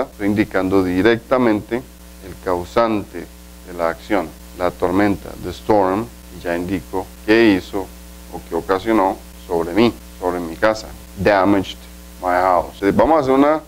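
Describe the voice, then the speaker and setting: Low-voiced man teaching English grammar. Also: darkish tone, low-quality recording. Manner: explains step by step, slows down to say English examples. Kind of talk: recorded video lesson.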